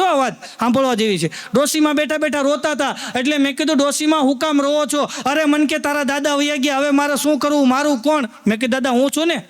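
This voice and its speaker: A man performs live stand-up. His voice sits very high, and he tells homely stories, slipping into the voices of the old people in them. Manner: folksy storyteller addressing the audience as sir, acting out old folks. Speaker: stand-up comedian.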